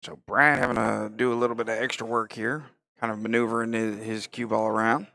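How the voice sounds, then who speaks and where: A man's voice: fairly low pitch, flat delivery, fairly quick, creaky, sharp tone, dry recording, rough recording. A man giving casual live play-by-play of a pool match, thinking aloud about shot choices. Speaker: pool commentator.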